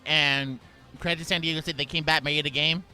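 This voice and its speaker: A man's voice: a little high, steady tone, quick pace, bright, forceful tone, smooth, soft background music. A man co-hosting a sports radio show, chatty, often restarting his sentences. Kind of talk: casual sports radio chat. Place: radio studio.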